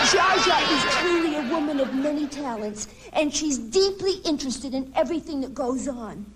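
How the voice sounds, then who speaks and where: A comic actress playing a frumpy, overlooked sister of glamorous socialites, delivering a mock-grand roast monologue in character on an old television broadcast. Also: female voice, high-pitched. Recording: noisy old broadcast with loud audience laughter.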